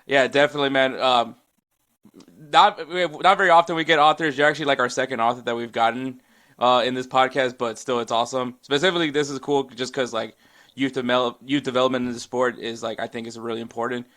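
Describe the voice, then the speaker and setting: A man's voice: medium pitch, steady tone, fast talker, bright, forceful tone. A man hosting a sports podcast, talking in an upbeat, chatty way with lots of fillers and restarts. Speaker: podcast host. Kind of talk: casual podcast intro and interview.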